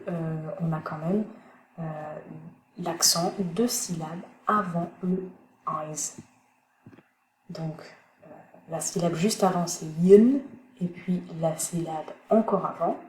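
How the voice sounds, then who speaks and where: A woman teaching English pronunciation in a recorded online lesson, thinking aloud with many pauses as she searches for words. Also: mid-range voice, darkish tone. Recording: echoey room, faint background noise.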